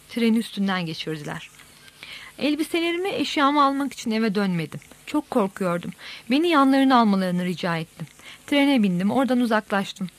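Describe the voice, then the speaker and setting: A woman reading a novel aloud as an audiobook narrator, in a steady, measured storytelling manner. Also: on the high side.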